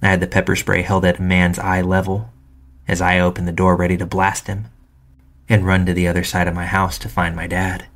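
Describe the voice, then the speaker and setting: A man reading first-person true stories aloud in calm, measured scripted narration. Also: deep voice.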